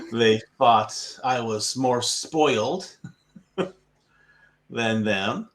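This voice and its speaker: Slow, patient man tutoring. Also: medium pitch, expressive, a bit bright. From United States. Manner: patient, repeats the student's answers back; chuckles often. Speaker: English tutor. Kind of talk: casual conversation practice.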